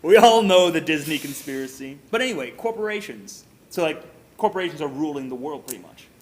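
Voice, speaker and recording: A man's voice: on the high side, expressive, a little fast, slight background noise. A young man co-hosting a casual gaming chat, joking and asking questions, recorded by a far camera in a large hall. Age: young adult. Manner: chatty, jokey, asks questions. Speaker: co-host. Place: large indoor auditorium.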